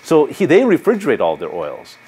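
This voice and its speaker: Here the same kind of speaker, a middle-aged man who teaches psychology, lectures publicly in a university hall and takes audience questions. He is anecdotal, conversational, and gestures a lot; his mid-range voice is mellow with a breathy edge, a little fast, and swings hugely in pitch.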